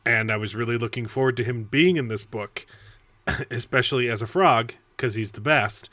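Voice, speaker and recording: A man chatting casually on a book discussion livestream, laughing often and stumbling over words when excited. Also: medium pitch, moderate pace, no room sound.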